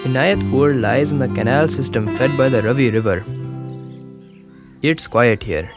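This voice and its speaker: A documentary narrator with a mid-range voice gives a scripted voice-over as a young village schoolboy telling his own story, lightly acted. His first-person storytelling is calm, measured and earnest, with music in the background.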